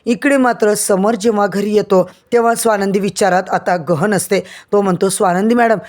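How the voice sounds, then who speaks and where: A woman's voice: medium pitch, normal speed, darkish tone. Woman, TV serial recap host, storytelling, talks straight to viewers. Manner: addresses viewers directly, storytelling. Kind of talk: scripted episode recap narration.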